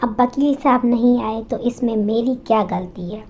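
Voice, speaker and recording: A woman's voice: on the high side, moderate pace, mellow, natural voice. A woman voicing a frail, mistreated elderly mother who pleads with her son in a spoken story. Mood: pleading.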